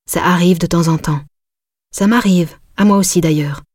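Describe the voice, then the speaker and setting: A woman reading the lines of a calm, professional male therapist in a measured, firm way. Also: lowish voice, no room sound, clean studio sound, natural voice.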